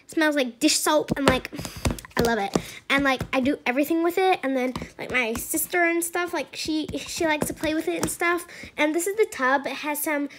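A woman's voice: high-pitched, background noise, lightly acted. A woman voicing a chatty female slime-video host who rambles off topic, full of fillers, in a put-on odd accent.

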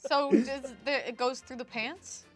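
A woman's voice: sits high, steady tone, measured pace, faint music behind. A woman co-hosting a comedy stream, reacting with incredulous questions and laughter. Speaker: co-host reacting. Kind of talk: improvised comedy on a live stream.

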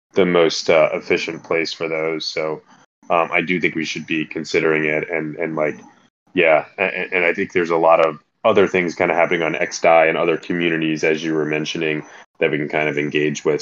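A man joining a casual community call, speaking slowly and hesitantly with fillers. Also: a bass voice, lo-fi sound. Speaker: call participant.

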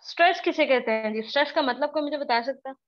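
Brief: woman from Pakistan, English teacher, hoarse and tired, high pitched, keeps asking the class questions, muffled lo-fi sound. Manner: questions students often, repeats herself, slow drawn-out example words. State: hoarse, worn-out voice. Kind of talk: live online class lecture.

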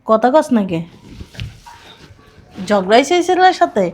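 An actress playing a sharp-tongued middle-aged stepmother who scolds sarcastically. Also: a little high, big pitch swings. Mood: scolding. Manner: scolding, sarcastic, rapid retorts.

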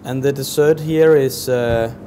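A man in his thirties explains a dessert as he plates it, his words slow and careful, with plenty of pauses and filler sounds. His voice sits in an ordinary middle range. Clear kitchen noise hums behind him in the large professional kitchen. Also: mid-range voice, steady tone, mellow. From Denmark. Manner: slow, halting, many fillers. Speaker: chef. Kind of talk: cooking demonstration.

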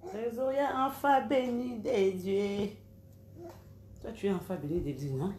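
A woman's voice: mid-range voice, measured pace, a little mellow, slight background noise. A woman, hosting a casual live stream and calling out viewers' names one by one. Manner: chatty, calls out names one by one. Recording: roomy echo, faint background ambience.

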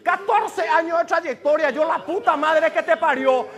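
A male TV host, pleading and shouting to calm a chaotic live studio. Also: very high voice, unhurried. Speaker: TV show host. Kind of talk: live TV prank show hosting. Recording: studio audience noise.

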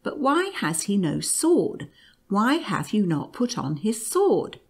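A woman's voice: mid-range voice, very animated, slow, husky, pitched above the performer's own voice, full character voice. A woman voicing a cheeky, outspoken young boy in a storybook reading. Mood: demanding.

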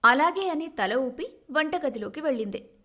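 A woman storyteller giving scripted, expressive narration of a family story. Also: high-pitched, moderate pace.

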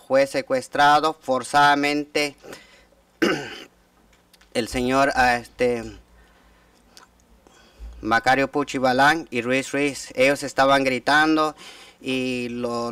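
Halting man, smooth voice. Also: medium pitch, fairly bright tone, no room sound, recorded from a distance. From Guatemala. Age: 30s. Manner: halting, many restarts and repeated words. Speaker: witness giving testimony. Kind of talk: formal hearing testimony. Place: hearing room.

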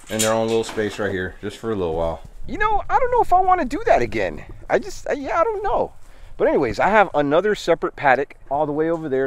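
Filming himself handheld at arm's length, a vlogger in his thirties from the United States talks casually while looking after animals in a farm paddock. His voice is on the low side.

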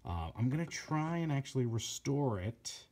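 A man in a casual unscripted vlog, showing off his collection, gushing and admiring but halting, with many fillers and self-corrections. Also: mid-range voice, very animated, darkish tone.

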